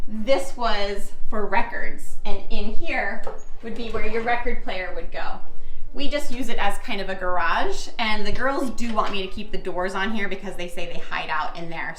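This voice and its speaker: Chatty woman vlogger, bright upbeat tone, room echo with faint music behind, walking-tour narration. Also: a little high. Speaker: home decor vlogger. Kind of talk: casual home tour narration. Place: home basement rooms.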